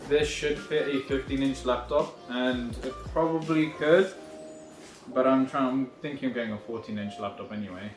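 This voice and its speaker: Man filming himself on a phone, echoey room. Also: mid-range voice. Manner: rambling, wry, self-correcting. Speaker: vlogger unboxing a backpack. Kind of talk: casual unboxing walkthrough. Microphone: phone recording himself. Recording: echoey room on a phone mic, faint music behind.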